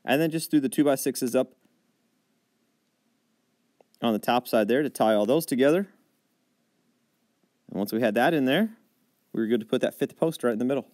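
A man's voice: mid-range voice, animated, normal speed, pauses often, darkish tone, dry recording. Dry, plain-spoken man narrating steps. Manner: plain step-by-step explanation. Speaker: DIY barn builder. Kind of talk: voice-over narration.

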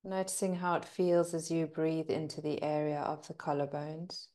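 A female teacher guides a breathing meditation in a low, gentle, soothing voice that barely moves in pitch. She lets her pauses linger.

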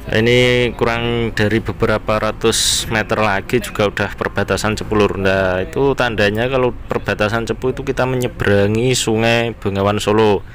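A car vlogger from the Bojonegoro area of East Java, Indonesia, gives casual driving commentary in an East Javanese accent, often addressing viewers as friends. He has a lowish voice at normal speed, recorded inside a moving car on town roads with steady vehicle, road, and traffic noise.

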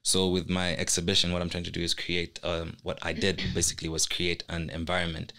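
His voice sits low, brisk and pushed, bright yet utterly flat in delivery. The young artist is a guest on a laid-back podcast, speaking sincerely and reflectively about his work into a stand-mounted studio mic in a compact indoor space.

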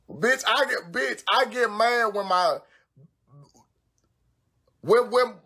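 Her voice is fairly high, husky, pushed and bright, and she takes her time, pausing often. This social media personality livestreams from home on her phone, cursing freely in a brash, exclamatory way as she does her own nails.

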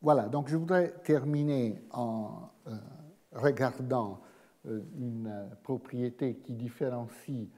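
A man giving an academic seminar lecture in a measured way, pausing often and restarting his phrases. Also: mid-range voice, warm tone. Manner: measured, frequent hesitations and restarts. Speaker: guest lecturer. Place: lecture hall. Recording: long reverb of a lecture hall.

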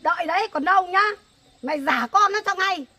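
A woman playing a bossy older neighbor who scolds and shouts commands, speaking. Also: very high voice, brisk. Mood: furious. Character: bossy older female neighbor, fierce and meddling.

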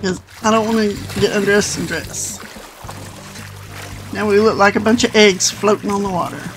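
A woman's voice: medium pitch, steady tone, moderate pace, soft background music. An older woman hosting a gaming channel, chatting casually as she plays and talking to the characters. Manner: chatty, talks to game characters. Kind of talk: casual gameplay commentary.

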